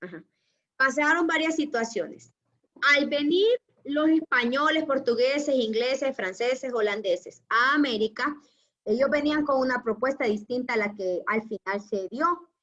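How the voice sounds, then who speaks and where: Woman teacher, high bright voice, patient, muffled call audio. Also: expressive, measured pace. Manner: patient, affectionate, asks the class questions. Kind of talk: online class lecture.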